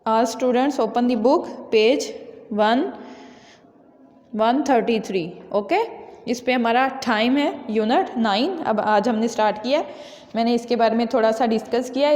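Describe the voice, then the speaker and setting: A woman's voice: on the high side, a little mellow. A woman with a Pakistani accent teaching a classroom lesson. She explains step by step, mixes in English school words, and keeps checking with her students. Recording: echoey classroom with long reverb.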